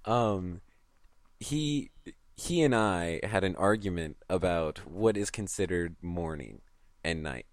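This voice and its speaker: A man's voice: low-pitched, expressive, slow pace, no echo, clean studio sound. A man co-hosting a casual podcast, bantering and swearing as he jokes around. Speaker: podcast co-host.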